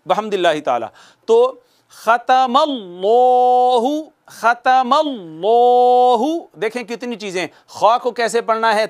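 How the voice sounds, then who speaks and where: High-voiced man teaching recitation patiently. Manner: patient, repeats sounds slowly for students to copy; asks questions and answers them himself. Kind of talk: recitation lesson.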